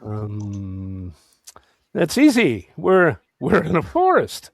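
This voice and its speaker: A man's voice: medium pitch, wildly swooping pitch, drawn-out words, creaky, exaggerated voice. A man acting a wistful, sentimental tin man with theatrical, lilting delivery in a parody radio play. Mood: hesitant.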